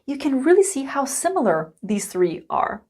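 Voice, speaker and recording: A woman teacher giving a recorded English grammar lesson, explaining each point slowly and with clear emphasis. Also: high-pitched, sing-song, darkish tone. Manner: slow, deliberate, emphatic explaining.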